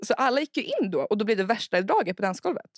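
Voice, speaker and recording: A woman's voice: medium pitch, dry recording. A young woman telling party stories on a chatty podcast, acting out every quote with frank, salty language. Her voice sits in a middle range and the recording is dry and close. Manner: animated storyteller who acts out loud quotes; frank, swears freely. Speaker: podcast co-host. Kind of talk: casual chat.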